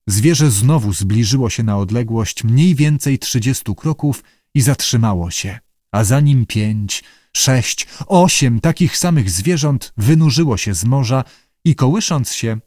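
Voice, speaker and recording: A man reading a novel aloud as narrator, with steady, measured delivery. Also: mid-range voice, dry recording, studio quality. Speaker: audiobook narrator. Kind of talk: scripted narration.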